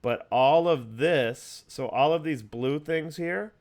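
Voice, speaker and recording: On the high side and darkish in tone, a man's slow voice hosts a casual video call chat. Through the call's microphone, he explains things at length, stumbling into many fillers and restarts.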